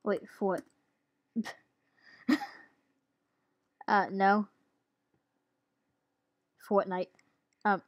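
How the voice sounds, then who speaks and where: A woman chats through a building game as a gaming YouTuber, stuck with the hiccups. She giggles often and hesitates with plenty of ums. Her voice sits in an ordinary middle pitch and sounds dry and close to the mic. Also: no room sound, highs cut off. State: has the hiccups. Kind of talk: casual gameplay commentary.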